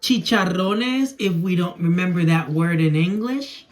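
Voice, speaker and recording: Demonstrating something to camera, a young adult man who speaks Spanish natively chats casually and rambles; he creates toy videos. His voice sits high at a measured pace. He's in a small room at home, and background noise and clicking are clear.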